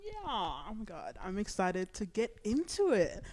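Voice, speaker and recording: A woman's voice: mid-range voice, huge pitch swings, measured pace, darkish tone. A woman hosting a livestream discussion in a casual, chatty style. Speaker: livestream host. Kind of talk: casual chat.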